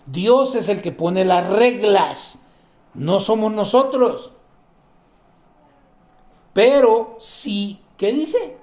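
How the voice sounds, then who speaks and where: A man's voice: high voice, echoey room. A male pastor preaching a sermon, asking questions and answering them himself and acting out the people in his stories. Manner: acts out the people in his stories, drops to a soft voice for asides.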